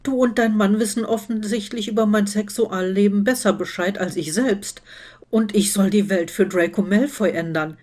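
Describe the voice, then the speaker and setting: A woman's voice: medium pitch, steady tone, normal speed, darkish tone, close to an everyday voice. Woman reading a tired middle-aged wizard guy, grumbly and fed up, storybook vibe. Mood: exasperated. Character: weary, exasperated middle-aged wizard man.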